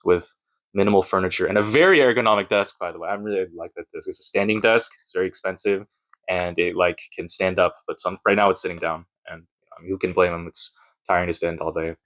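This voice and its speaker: A YouTuber and streamer talks nervously and self-deprecatingly in a casual vlog filmed in a sparse room at home. He has a deep, slightly bright voice and a quick pace.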